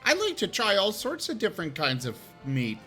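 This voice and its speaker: Animated high-swinging man in role-play. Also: normal speed. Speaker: tabletop game player. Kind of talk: casual in-character role-play. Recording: background music.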